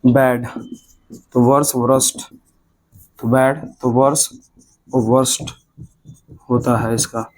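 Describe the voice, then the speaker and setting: A man's voice: mid-range voice, flat delivery, slow pace, long pauses, darkish tone. A man with a Bihari Hindi accent teaching English grammar at a classroom board, repeating each point and stretching words out syllable by syllable.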